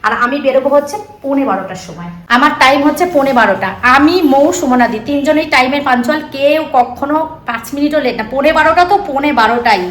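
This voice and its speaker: A woman's voice: sits high, fast talker, few pauses. Woman, Kolkata Bengali accent, middle-aged, chatty home vlog, kitchen, faint background noise. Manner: chatty, repeats herself, talks to viewers as friends. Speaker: vlogger. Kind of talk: casual home vlog to viewers.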